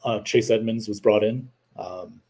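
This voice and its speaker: Opinionated man with a husky, mellow voice. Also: on the low side, fairly even intonation, a little slow. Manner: opinionated, rambling with fillers, reads chat comments aloud. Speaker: host. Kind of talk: casual livestream sports talk.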